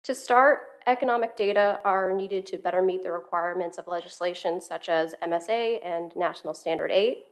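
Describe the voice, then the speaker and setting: A woman economist giving a formal presentation at a council meeting, speaking steadily into a table microphone. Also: fairly low pitch. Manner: steady, explanatory, occasional self-repeats.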